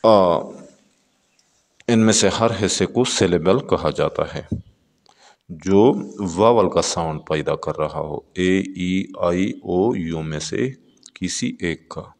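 A male teacher with a Pakistani accent works through a textbook exercise. His voice sits very low. He speaks at a very slow, deliberate pace, and the room rings with a long reverb. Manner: reads English words slowly, then explains them in Urdu-flavoured Hindi. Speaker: English teacher.

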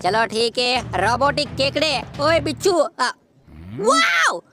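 A woman voicing an excitable, boastful boy cartoon hero while commenting on a game, teasing and shouting at the villain. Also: high-pitched, slow, faint music behind, heavily acted. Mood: excited. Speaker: gameplay commentator. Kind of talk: playful gameplay commentary in character.

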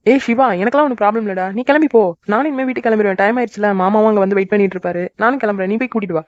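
Rapid-talking soft-hearted cartoon sister voiced by a woman. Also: mid-range voice, no echo, close to an everyday voice. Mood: caring. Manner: rapid, caring, cries easily. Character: cheerful married young woman, soft-hearted elder sister. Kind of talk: cartoon voice acting. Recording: dry, dull lo-fi recording.

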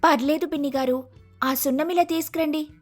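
A fussy young wife in shrill falsetto. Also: male voice, steady tone, a little fast, faint music behind. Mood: fussing. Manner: fretting, scolding.

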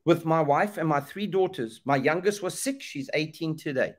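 Over a webcam video call from inside a room, a middle-aged Zambian man preaches fervently at a moderate pace. His voice sits on the high side and is expressive, and he uses repetition and rhetorical questions like a preacher.

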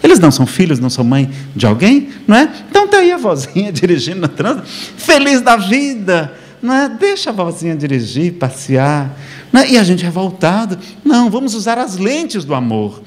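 Brazilian male lecturer, slightly high voice, wide swinging intonation, chatty preaching style that checks in with the room. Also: fairly quick. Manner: rhetorical questions, frequent "não é?" tags; lively, conversational preaching with humor. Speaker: spiritist lecturer. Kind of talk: spiritual lecture to a live audience. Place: lecture hall before an audience.

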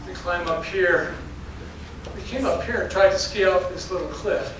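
A high-voiced older man at a moderate pace, he's a geology professor presenting a public lecture as a storytelling slide show. Folksy and full of anecdotes, he chuckles between stories. The darkened hall holds an audience, and the recording is very echoey, with a distant mic and faint noise.

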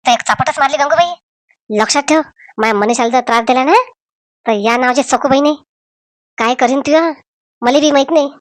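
A woman voicing a fierce, protective village mother in a cartoon, sharp-tongued and scolding, with a Varhadi Marathi accent. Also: high voice, brisk, pauses often, no room sound, clean studio sound, natural voice. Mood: angry.

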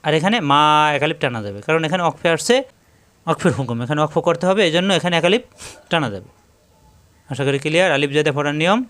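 A man teaching Quran recitation rules, speaking slowly and patiently, repeating each point. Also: a little high, fairly bright tone, dry recording. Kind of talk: tajweed lesson.

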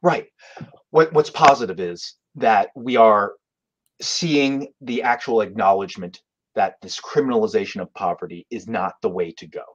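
A man speaking as an advocacy guest, earnest and halting. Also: lowish voice. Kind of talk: interview answer. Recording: dull lo-fi remote audio.

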